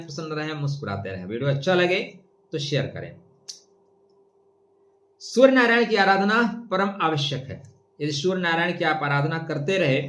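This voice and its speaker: A man's voice: on the high side, a bit bright. Emphatic male astrologer, echoey room. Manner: emphatic, declaiming verse and Sanskrit lines. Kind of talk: yearly horoscope talk.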